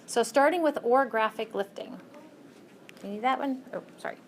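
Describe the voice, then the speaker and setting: A woman's voice: on the high side, normal speed, a little hiss or hum. A woman lecturing a college class, walking through each step and checking in with "okay?".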